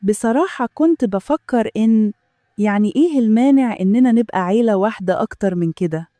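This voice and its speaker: A woman voicing a scheming middle-aged male business partner with an Egyptian accent, calm and persuasive, in a storybook reading. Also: a little high, fast, no room sound, close to an everyday voice. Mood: insinuating. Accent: Egyptian Arabic.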